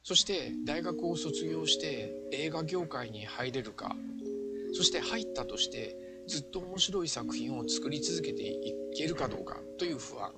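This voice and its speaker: Loud music sits under the voice of an older man, a former amateur filmmaker, being interviewed as he reflects on the past. His voice is a little high, with lively intonation at normal speed, and he speaks earnestly, explaining as he looks back.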